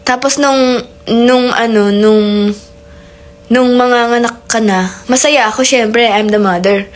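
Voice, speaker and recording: A woman from the Philippines hosts a live stream and tells a long, playful made-up story. She talks slowly and rambles as she goes. Her voice sits a little high. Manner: playful, rambling, mixes Tagalog and English.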